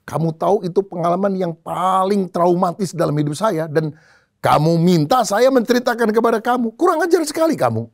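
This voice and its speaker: A preacher acting out a proud male army general in a sermon story, switching between booming orders and low, gentle explanation. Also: big pitch swings, moderate pace. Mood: furious. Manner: booming and commanding when angry, low and soft when explaining. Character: proud male army general, hot-tempered then teasing.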